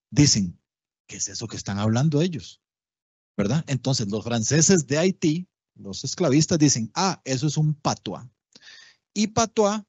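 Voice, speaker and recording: Guy giving a talk, bit husky, keeps checking the crowd is following, dull dry stream audio. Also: medium pitch, darkish tone, no room sound. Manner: explanatory, keeps checking in with listeners. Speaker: lecturer. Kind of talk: public talk on language history.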